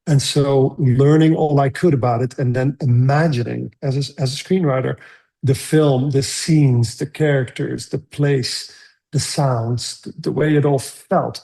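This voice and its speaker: Gravelly middle-aged Dutch-born man, musing. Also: medium pitch, dark tone. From Netherlands. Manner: thoughtful, halting with many restarts. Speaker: screenwriter guest. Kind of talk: conversational interview.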